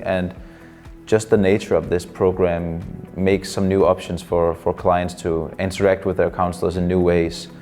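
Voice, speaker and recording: A Danish psychology student and counselor in his twenties answers interview questions thoughtfully in English, his second language, often pausing with fillers. His voice is low with a darkish tone.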